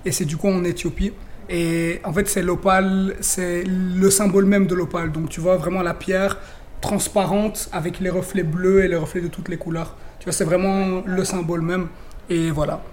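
A man's voice: high-pitched, little pitch movement, normal speed, darkish tone, a little hiss or hum. A young man from Belgium, a rapper guest in a radio interview, talking chattily with many fillers and restarts.

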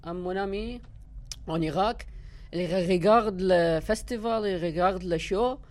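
A man with a rather high voice and an Iraqi Arabic accent talks casually as an interview guest. His French is broken and hesitant, with simple grammar and stray English words. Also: measured pace, darkish tone, no room sound. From Iraq.

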